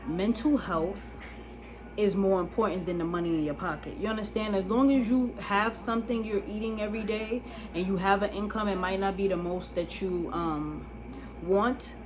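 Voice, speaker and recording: A woman's voice: mid-range voice, noisy background. A woman vlogging a casual monologue to camera, blunt and emphatic, often asking if you understand. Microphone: phone camera.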